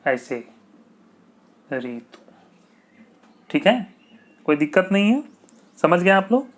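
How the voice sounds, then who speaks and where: A man's voice: high-pitched, lively intonation. A man teaching an exam-prep grammar lesson, repeating key points and asking checking questions. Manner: slow, repetitive, asks checking questions.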